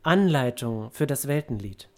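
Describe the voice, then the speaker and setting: A man voicing a calm female spirit guide with a solemn, formal way of speaking. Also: mid-range voice, normal speed, close to an everyday voice.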